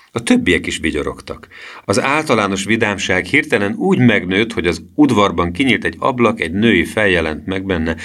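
A man narrating a children's novel as an audiobook in an expressive, animated reading. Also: sits low. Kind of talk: scripted narration.

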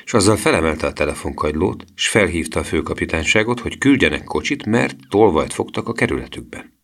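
A man narrating an audiobook chapter in an even, measured reading voice. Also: sits low, vocal fry. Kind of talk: scripted narration.

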